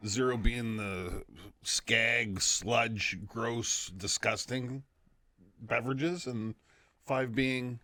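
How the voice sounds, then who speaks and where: A man's voice: medium pitch, fairly even intonation, extremely slow, pushed and bright, no echo. A man who is the mixologist on a casual podcast, speaking in a dry, joking way. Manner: dry and joking, with playful refusals. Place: basement studio.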